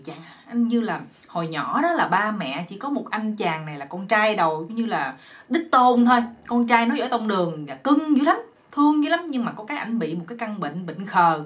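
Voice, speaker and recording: A woman's voice: mid-range voice, expressive, fairly quick. A woman with a Southern Vietnamese accent telling a folk joke story in a chatty, rambling, folksy way.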